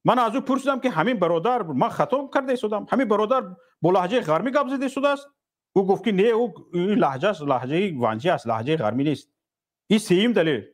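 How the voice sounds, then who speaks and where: Man, call-in host, stern, scolding, slightly high pitch. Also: animated. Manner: stern, rebuking. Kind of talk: heated call-in talk.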